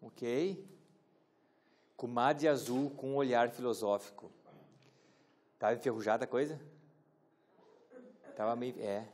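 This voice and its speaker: A man's voice: medium pitch, fairly even intonation, takes it slowly, pauses often, a little mellow. Joking male teacher quizzing a class. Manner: casual, joking, asks the class questions. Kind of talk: classroom lecture.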